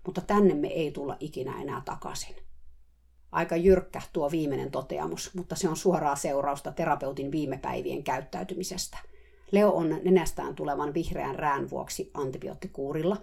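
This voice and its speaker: Woman telling her diary story, low gravelly voice, dry wry tone. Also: darkish tone. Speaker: narrator.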